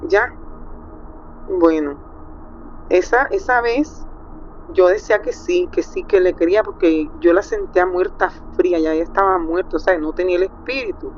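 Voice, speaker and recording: A woman's voice: lowish voice, moderate pace. Woman, Colombian accent, middle-aged, caller, emotional storytelling, muffled sound. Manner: emotional, acting out quotes. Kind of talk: telling a personal story. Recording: muffled call with faint hiss.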